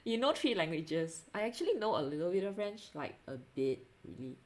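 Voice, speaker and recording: Drawing live for her viewers, a young woman with a Singaporean accent and a slightly low voice chats in a sing-song way. As an art livestreamer, she speaks casually, with giggly, halting, self-deprecating delivery.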